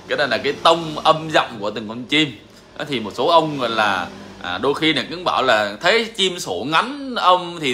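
A man's voice: a little high, pushed and bright. A man, a songbird breeder answering viewers in a casual live chat. He is emphatic and repeats his phrases.

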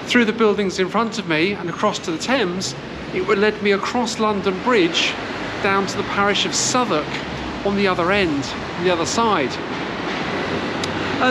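A woman's voice: medium pitch, moderate pace. A woman vlogging outdoors in a city churchyard, giving a casual history walking tour with many fillers and restarts, filmed on a handheld camera at arm's length. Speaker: travel vlogger. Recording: loud city background noise.

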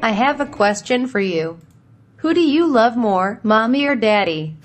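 A synthetic female text-to-speech voice reading out a viewer message on a game stream, flat and evenly paced. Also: a little high, measured pace, a little hiss or hum. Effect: synthetic text-to-speech robot voice. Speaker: donation message read aloud on stream.

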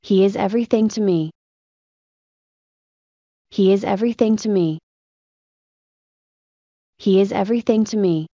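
Woman reading english drill lines real slow, plain and even, dry no room sound. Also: medium pitch, no room sound, highs cut off. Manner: plain, evenly paced model reading. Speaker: English phrase reader. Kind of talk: slow repeated phrase drills.

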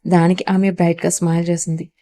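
A woman storyteller reading a dramatic romance story in steady, scripted narration. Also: fairly low pitch, fast talker.

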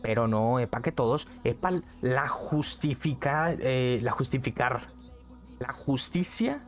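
A man's voice: medium pitch, lively intonation, slow, faint music behind. A young man, chatting casually on a live stream from a neon-lit bedroom, repeating phrases and reading the chat aloud. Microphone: studio mic on arm, headset.

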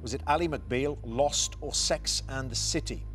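Brisk male quiz show host. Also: mid-range voice, fairly bright tone, soft background music. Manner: brisk, reads questions and options. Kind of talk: broadcast quiz hosting. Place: TV studio.

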